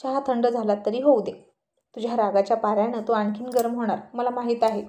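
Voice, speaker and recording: A woman doing a playful young husband in a spoken storybook, teasing and coaxing in a mellow, fairly high voice. The tone stays warm and close to the reader's own. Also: fairly even intonation, a little fast, close to an everyday voice.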